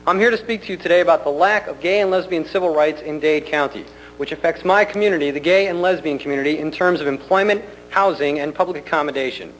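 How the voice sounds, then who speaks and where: A man delivers a prepared public speech at a government meeting in an earnest, deliberate and polite way. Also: fairly high pitch. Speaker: community center director addressing a county commission. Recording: noisy hum, 1990 public meeting recording.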